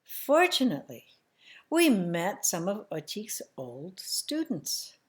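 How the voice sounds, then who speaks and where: A woman telling a family story in the first person, slow and emotional, sometimes dropping to a hushed near-whisper. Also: medium pitch, big pitch swings.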